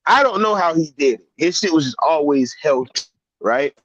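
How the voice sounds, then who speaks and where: Animated man, slightly high, profane casual storytelling, dry dull online-chat audio. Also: moderate pace, slightly rough, no echo.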